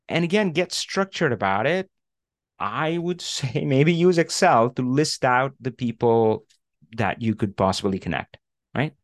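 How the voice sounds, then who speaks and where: A man's voice: medium pitch, dry recording, clean studio sound. A man coaching a student on job searching over a video call, casual and full of fillers, often asking "right?". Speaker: career coach. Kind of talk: online coaching session.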